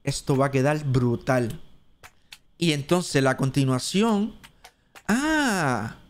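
A man with a Cuban Spanish accent, streaming live gameplay and chatting as he thinks aloud, now and then jumping into a squeaky high voice. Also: animated, slow. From Cuba.

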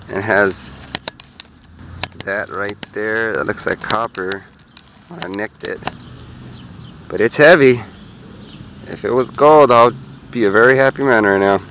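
Man, low voice, casual chatty vlog, talking to viewers, outdoors in a park, faint outdoor ambience. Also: a bit bright, a little hiss or hum, rough recording. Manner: chatty, talks to viewers while digging. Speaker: metal detecting vlogger. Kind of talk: casual narration to camera.

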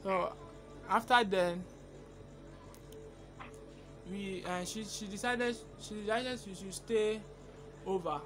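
A man's voice: high voice, slow pace, long pauses, a bit bright, faint music behind. A young man making a casual prank call, hesitant and stammering, recorded on a phone camera at arm's length. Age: young adult.

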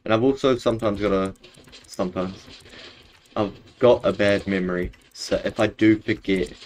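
Low-voiced Kiwi bloke streaming. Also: male voice, fairly even intonation, moderate pace, a little mellow, a little hiss or hum. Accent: broad New Zealand. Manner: laid-back, matey, says bro often. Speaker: game streamer. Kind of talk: casual live-stream chat while gaming. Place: bedroom, indoors.

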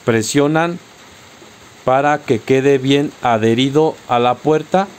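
A man with a Mexican Spanish accent gives a step-by-step car accessory tutorial, patiently addressing viewers directly. His medium-pitched voice is clear and resonant, and he speaks at a slow pace.

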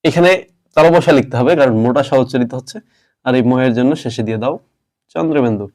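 A man teaching a pronunciation class, explaining step by step and quizzing his students with quick questions. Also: medium pitch, a little mellow.

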